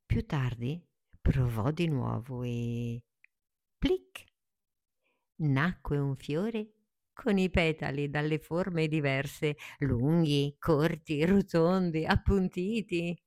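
A woman reading a children's story aloud in a calm, soothing way. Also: sits low, slow.

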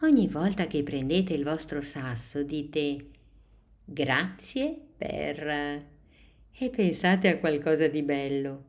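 Woman voicing a gentle storybook teacher, slow and low, warmly encouraging the children. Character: kind female schoolteacher, gentle and encouraging. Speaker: teacher figure.

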